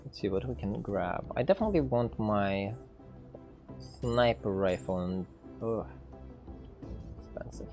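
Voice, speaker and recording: A man's voice: fairly low pitch, animated, measured pace, pauses often, a little mellow, soft background music. A man, a game developer, casually commenting on a livestream as he plays, thinking aloud with fillers and reading game text. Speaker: game developer streaming gameplay.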